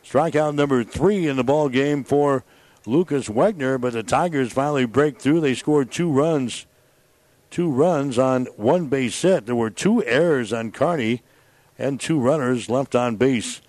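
Male sportscaster, medium pitch, calling a baseball game live for radio. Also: unhurried, darkish tone, no echo. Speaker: baseball play-by-play announcer.

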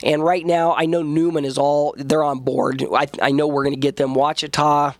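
A man's voice: on the high side, level tone, normal speed, no room sound. A man, a college wrestling coach, talking earnestly in a radio interview. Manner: earnest, with restarts.

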